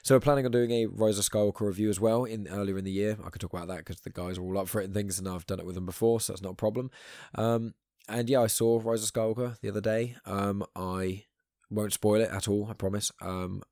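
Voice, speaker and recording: British man, podcast host, croaky gravelly voice, low pitch, hushed, casual rambling, late-night low-key delivery. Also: level tone, quick pace, dry recording, clean studio sound.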